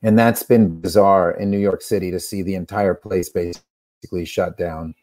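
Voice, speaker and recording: A man from the United States talking as a guest on an interview show. His voice is lowish and mellow, and he speaks in a thoughtful, earnest way. The sound is dry, with almost no room echo. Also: steady tone, normal speed. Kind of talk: interview conversation.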